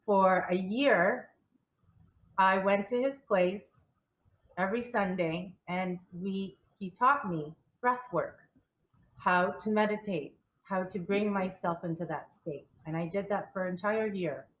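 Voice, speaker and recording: A woman's voice: medium pitch, takes it slowly, a bit bright, low-quality recording. Casting: female spiritual coach and interview guest, candid storyteller, mid-range voice, restarts her words. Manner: candid, repeats and restarts words, often laughs.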